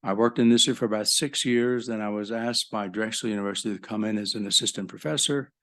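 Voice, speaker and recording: An older man lectures at a conference in a low, relaxed voice. He talks casually and tosses in jokes for the audience as he goes. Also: fast talker. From Egypt. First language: French. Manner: conversational, joking asides to the audience. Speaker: conference speaker, professor. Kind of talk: live conference talk.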